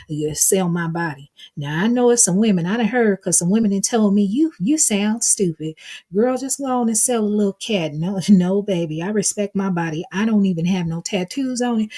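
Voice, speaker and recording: A middle-aged woman chats casually on her live stream and answers viewers' comments as they come in. Her voice is mellow and warm, at a middle pitch, and she keeps calling people baby and honey. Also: slightly rough. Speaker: livestream host reading chat.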